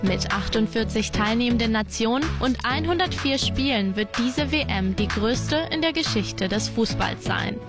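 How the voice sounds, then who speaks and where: A woman's voice: on the high side, lively intonation. Woman presenter reading over music. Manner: clear, measured reading. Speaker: radio presenter. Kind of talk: scripted narration. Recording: music bed underneath.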